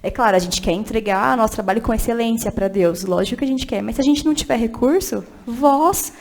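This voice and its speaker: A woman's voice: on the high side, fairly quick. A woman directing a church children's ministry, chatting animatedly on a podcast, laughing often and urging listeners on with emphatic encouragement. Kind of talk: casual podcast chat.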